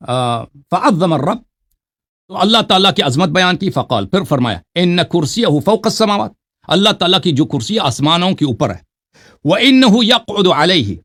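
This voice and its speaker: A man with a high, fairly bright voice is debating religion, reading Arabic quotations aloud and then explaining them mockingly. He cites texts and keeps checking in with "right?"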